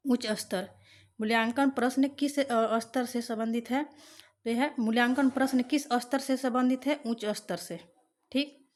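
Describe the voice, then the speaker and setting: A young woman teaching an exam-prep lesson, reading out questions, repeating them and explaining the answers. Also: a little high.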